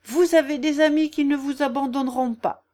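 A woman reading aloud, voicing a proud, protective gentleman with a haughty, indignant manner. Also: high-pitched, steady tone, moderate pace, voice pushed up, lightly acted. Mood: earnest.

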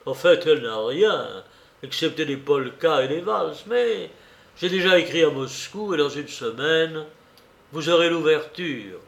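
An eager, self-pleased young gentleman composer, read by a man in a storybook reading. His voice sits fairly high and is delivered at a slow pace. It carries a roomy echo. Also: creaky. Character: charming young male amateur singer-composer.

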